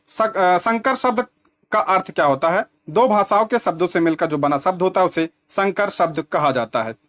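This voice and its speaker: A man's voice: high voice, a bit bright. A man teaching as an exam coaching teacher, explaining practice questions step by step and repeating key terms to check that they sink in.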